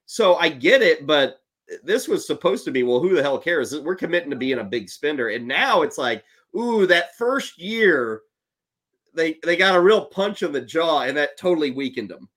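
A man co-hosting a casual sports talk show, chatty and animated, laughing often. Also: on the high side, brisk. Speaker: podcast co-host.

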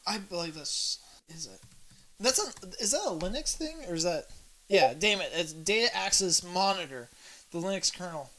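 A man with a bright, forceful voice co-hosts a podcast in loose, casual chat. He rambles through nerdy tangents, trips over his words and swears offhandedly. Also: high voice, expressive, moderate pace. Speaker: podcast co-host.

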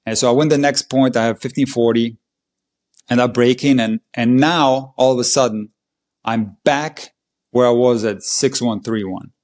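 A man, a tennis coach and podcast guest, tells a match story in an animated, emphatic way. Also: mid-range voice, normal speed. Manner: animated, emphatic play-by-play retelling. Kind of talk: conversational storytelling.

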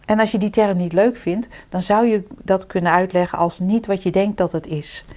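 A woman's voice: mid-range voice, fairly even intonation, normal speed, a little mellow. A woman talking in a casual, reflective way as a podcast co-host, with hesitant restarts and easy laughter.

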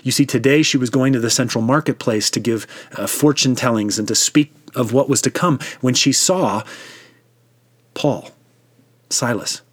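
A male preacher retelling a Bible story as sermon storytelling, unhurried with hushed dramatic pauses. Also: medium pitch.

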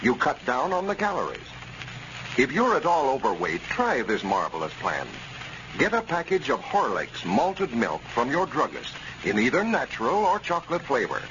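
A man's voice: medium pitch, huge pitch swings, moderate pace, fairly bright tone, highs cut off. A man speaking as an old-time radio announcer, with a folksy, emphatic sales delivery, on a vintage radio recording. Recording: noisy, band-limited vintage radio recording.

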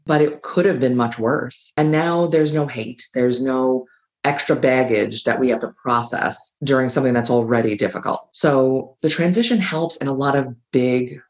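Chatty woman giving life advice. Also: rumbling low. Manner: chatty, acts out family members' lines in quick voices. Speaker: podcast host. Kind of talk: casual advice monologue.

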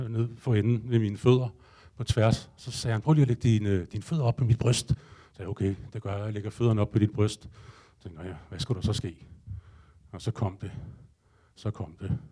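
A man's voice: on the low side, fairly even intonation, warm tone. A man spins a comic first-person tale for a live audience in a loose, conversational way. He throws himself into his own panic and inner thoughts, and his speech is peppered with casual swearing. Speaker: storyteller addressing a live audience.

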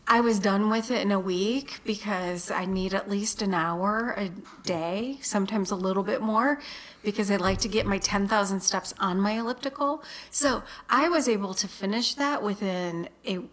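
A woman's voice: medium pitch, normal speed, a bit bright. A chatty woman talking casually, laughing often and restarting her sentences. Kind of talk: casual chat.

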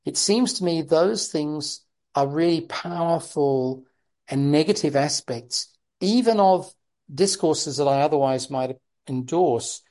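A woman conducts an intellectual interview in a low-pitched, dark and relaxed voice. She is measured and discursive, choosing formal words and adding qualifications as she goes. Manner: measured, discursive, formal vocabulary with hedging asides.

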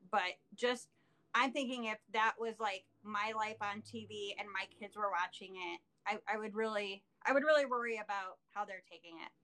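A woman's voice: mid-range voice, bright, forceful tone, poor audio. A woman hosting a podcast interview, conversational and sympathetic. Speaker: podcast host.

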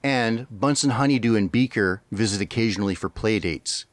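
A man's voice: on the low side, moderate pace, dry recording. A man co-hosting a podcast, chatting casually and rambling with frequent laughs and restarts. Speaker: podcast co-host.

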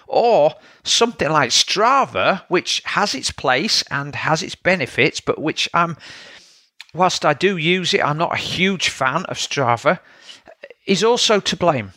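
Man, podcast coach, lecturing monologue, bright tone, dry recording. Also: a little high, no room sound. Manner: plain-spoken, lecturing, asks rhetorical checks.

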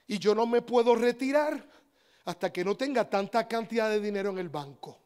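A man preaching a sermon, animated and talking straight to his listeners, swinging between loud and hushed. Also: high-pitched, normal speed, clear, resonant tone.

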